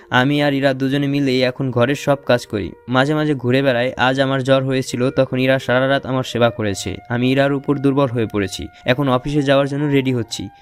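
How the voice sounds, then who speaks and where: A young man narrating an audio romance story in first person, playful and teasing. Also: medium pitch. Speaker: narrator and lead voice actor.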